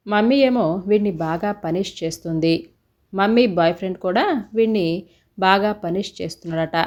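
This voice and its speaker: A woman's voice: medium pitch, darkish tone, lightly acted. A woman voicing a young boy grandson in a storybook, sobbing and pleading as he talks. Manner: sobbing, pleading child talk.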